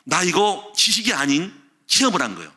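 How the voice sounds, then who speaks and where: A middle-aged male pastor preaching a sermon, telling stories animatedly and acting out the shouts he quotes. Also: high-pitched, sing-song, brisk, slightly rough.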